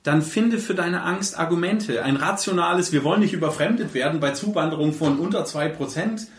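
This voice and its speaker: Animated, fairly high-voiced man in an echoey room. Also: a little fast, distant mic. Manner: animated, emphatic, with blunt colloquial remarks. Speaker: podcast host. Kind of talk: casual podcast conversation. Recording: echoey room, set back from the mic.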